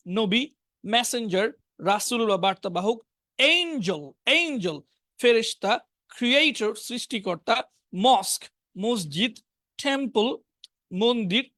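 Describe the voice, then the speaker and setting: A man's voice: high voice, a bit bright, no echo, clean studio sound. Bengali-accented man teaching English vocabulary. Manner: reads word lists slowly, pairing each English word with its meaning. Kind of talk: online spoken English class.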